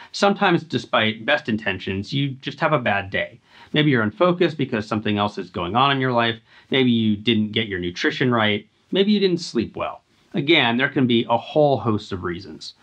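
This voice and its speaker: A man in his thirties, hosting a scripted fitness explainer in an earnest, steady, instructive way, filmed in front of a home climbing wall. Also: mid-range voice, dull audio. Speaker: host.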